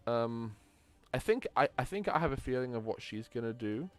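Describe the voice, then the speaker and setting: A man's voice: mid-range voice, animated, normal speed, soft background music. A man narrating as game master, often stumbling and restarting his words. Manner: stammering, frequent restarts.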